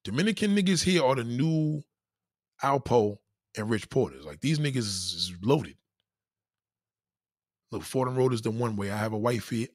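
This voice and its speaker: Husky-voiced New man ranting. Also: mid-range voice, moderate pace, pauses often, no echo, clean studio sound. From New York. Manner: blunt, profane, animated street talk. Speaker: streamer reading viewer comments. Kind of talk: casual live-stream rant.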